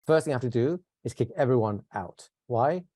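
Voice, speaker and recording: A man teaching a live workshop, talking conversationally, asking the class questions and shifting into a calm, soothing voice to demonstrate. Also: medium pitch, fairly quick, dry recording. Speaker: instructor.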